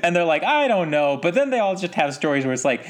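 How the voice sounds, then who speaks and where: A man's voice: on the high side, fast talker. A man on a casual group podcast who retells scenes animatedly, acting out the lines. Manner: animated, acts out quoted lines.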